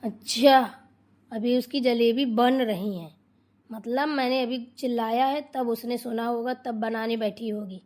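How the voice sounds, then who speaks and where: A woman voicing a loud, nagging older mother-in-law in a cartoon, scolding and complaining. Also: a little high, steady tone, unhurried, natural voice. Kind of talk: cartoon voice acting.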